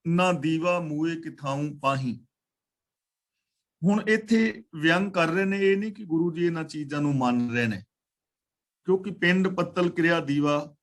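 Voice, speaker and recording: A man with a fairly high voice leads a religious scripture lesson over an online class call. He recites each verse slowly and deliberately. Then he walks through its words one by one, correcting how they should be pronounced. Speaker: Sikh scripture teacher.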